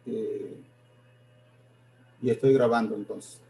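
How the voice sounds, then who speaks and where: A man giving a live-streamed history lecture, pausing often, repeating words and correcting himself as he goes. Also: on the low side, steady tone, gravelly, mellow. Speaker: history presenter.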